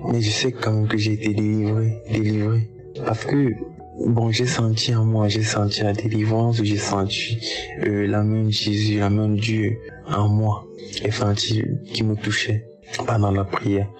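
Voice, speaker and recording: A man with a low voice gives an earnest religious testimony. His delivery stays flat and level, circling back to the same phrases again and again. Faint music plays underneath. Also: unhurried. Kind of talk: spoken testimony.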